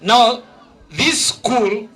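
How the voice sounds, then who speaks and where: Music plays behind this Kenyan master of ceremonies at a live awards show. His very high, husky voice moves very slowly yet forcefully, bright and full of lively intonation, as he shifts from reading to rousing the audience with repeated exhortations.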